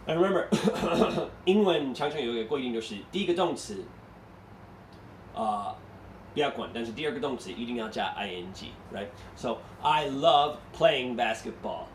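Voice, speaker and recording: Here a man's mid-range voice carries lively intonation at a moderate pace as he teaches English, breaking things down step by step and questioning students in English and Mandarin. Slight background noise, echoey room acoustics, and a faraway mic mark the recording.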